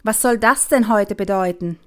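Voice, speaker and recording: A woman reading a gruff startled father. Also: mid-range voice, moderate pace, a bit bright, close to an everyday voice. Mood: indignant. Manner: indignant, gruff.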